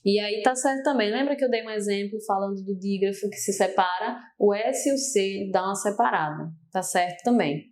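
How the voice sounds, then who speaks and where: A woman's voice: medium pitch, a little fast, few pauses, a little mellow. A young adult woman with a Brazilian accent teaching a grammar lesson for exam prep, explaining step by step and often turning to her students. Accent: Brazilian Portuguese.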